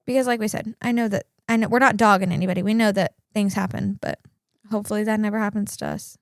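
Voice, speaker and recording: A woman's voice: medium pitch, fairly even intonation, fast, no room sound, studio quality. Easygoing young mother on a podcast. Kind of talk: casual chat.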